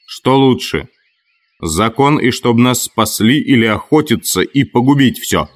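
A man voicing an angry, desperate boy who shouts at his rivals. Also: mid-range voice, lively intonation, unhurried.

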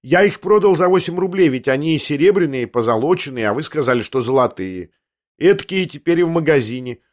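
A man's voice: on the high side, expressive, fairly quick, lightly acted. A man voicing a pampered, petulant young man who answers sulkily and flares up. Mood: sulky. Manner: sulky, then sharply indignant.

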